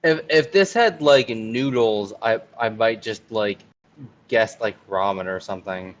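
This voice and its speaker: A man's voice: fairly low pitch, unhurried. A man co-hosting a casual podcast, speaking hesitantly and often trailing off. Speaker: podcast co-host.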